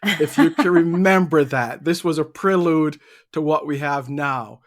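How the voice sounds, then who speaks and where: A man's voice: a little high, a little slow. A middle-aged man from Barbados, a leadership trainer answering interview questions in an easygoing way and often repeating words while he thinks.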